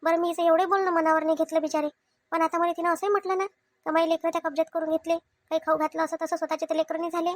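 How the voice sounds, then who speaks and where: Cartoon: high, fast, pleading widowed aunt, voiced by a woman, Vidarbha Marathi accent. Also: little pitch movement, no room sound. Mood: hurt. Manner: pleading, self-defending. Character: meek childless widowed aunt, wronged. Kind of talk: cartoon family comedy.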